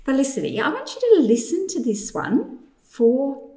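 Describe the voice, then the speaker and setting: A woman teacher leading an instructional lesson for young children, enunciating clearly and guiding with simple questions. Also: sits high, wildly swooping pitch, brisk, darkish tone. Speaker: teacher presenting a maths activity. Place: indoors in a room, demonstrating at a tabletop. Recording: echoey room.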